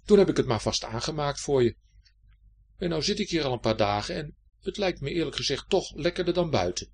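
A man's voice: fairly high pitch, expressive, fairly quick, breathy edge, voice pushed up. A man voicing a lazy, sulky old male Winter with an icicle beard in a storybook, grumbling and mumbling. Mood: excusing.

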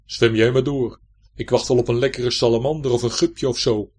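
A man voicing a grumpy, nearsighted old male pike who calls out loudly and grumbles. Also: medium pitch, fairly even intonation, a little fast, breathy edge, close to an everyday voice. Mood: grumbling.

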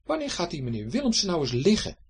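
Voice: mid-range voice, wildly swooping pitch, fast talker, a little hiss or hum, voice pushed up. The narrator voicing a small, fretful male snore creature in a children's storybook, speaking in a fussy, flustered way. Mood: grumbling. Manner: fussy, flustered, self-pitying.

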